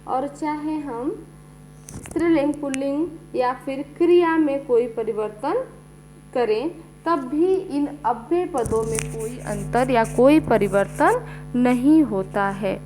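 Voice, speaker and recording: A woman's voice: high-pitched, slow pace, mellow, faint music behind, rough recording. A woman teacher explains a lesson step by step, often saying "ठीक है" as she goes. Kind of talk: slow classroom explanation. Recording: faint mains hum.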